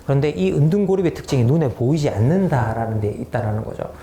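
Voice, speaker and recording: A man's voice: medium pitch, animated, quick pace, warm tone, roomy sound, a little hiss or hum. A man in his fifties giving a public lecture, explaining research findings and posing questions to the audience. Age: 50s. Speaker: lecturer, political philosopher. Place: lecture room.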